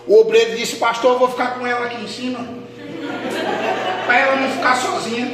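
A man, a pastor, telling a testimony in a sermon, dropping to a hush and rising to shouts. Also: very high voice, flat delivery, fairly quick, a faint crowd. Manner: dramatic storytelling, swings from hushed to shouting. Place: church hall. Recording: echoey hall with noise.

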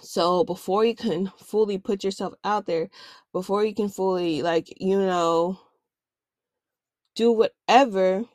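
A woman's voice: mid-range voice, steady tone, a little slow, a little mellow, no room sound, clean studio sound. A woman hosting a self-help podcast, talking candidly and casually with slang. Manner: candid, conversational, uses slang. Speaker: podcast host.

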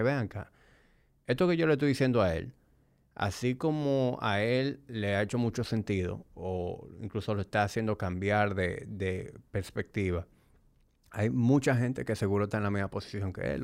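A man's voice: on the low side, clean tone, no echo, studio quality. A man hosting a podcast as a fitness trainer, talking conversationally and explaining things directly to the listener. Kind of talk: conversational solo podcast monologue.

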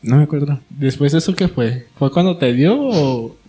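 A young man with a Mexican Spanish accent, casually telling a story with a friend in a relaxed, slangy way. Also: a little high, normal speed, husky. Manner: relaxed, slangy, chiming in with quoted lines.

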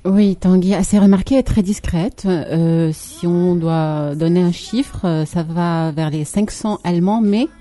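A woman's voice: fairly low pitch, unhurried, hardly any pauses, dark tone. A woman from Lebanon co-hosting a casual talk segment, chatty, with frequent fillers and laughs. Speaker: co-host. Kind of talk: casual studio chat.

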